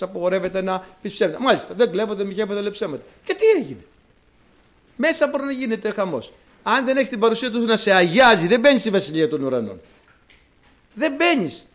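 An older man preaches with a high voice that swings widely in pitch. He is emphatic and repetitive, often turning to his listeners as brothers. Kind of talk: sermon.

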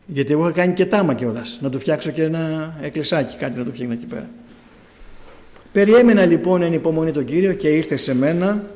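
A man's voice: fairly high pitch, darkish tone. A man giving a personal testimony to a church, telling his story and acting out his own past words.

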